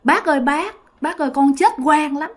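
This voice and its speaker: A woman's voice: high voice, moderate pace, voice pushed up, close to an everyday voice. A woman voicing the ghost of a murdered schoolboy, who keeps begging an older man for help. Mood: pleading. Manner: pleading, repeating "bác ơi" over and over.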